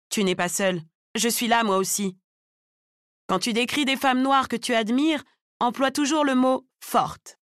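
Female audiobook narrator, fairly high voice, measured and lightly ironic, dry close recording. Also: fairly bright tone, no echo. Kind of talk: scripted narration of a novel.

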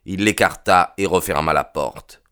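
Deep-voiced man narrating an audiobook. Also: measured pace, pushed and bright, clean tone, no echo, studio quality. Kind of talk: scripted narration.

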